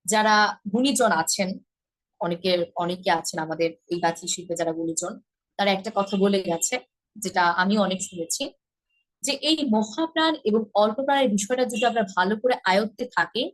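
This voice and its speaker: A woman teaching pronunciation in a class, who says each sound slowly and repeats it, then asks the listeners questions. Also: medium pitch, rough recording. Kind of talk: online class lesson.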